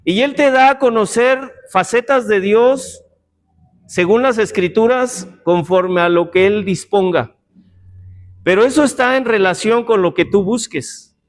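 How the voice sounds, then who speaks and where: A man's voice: high voice, measured pace. A man teaching a Bible class in a church room, talking conversationally with joking asides and rhetorical questions to his listeners.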